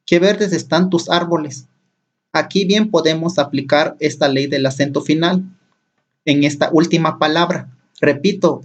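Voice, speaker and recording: Patient man teaching, muffled. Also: a little high. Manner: patient, step-by-step, repeats and counts syllables aloud. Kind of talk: online lesson explaining poetry rules. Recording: dull lo-fi recording.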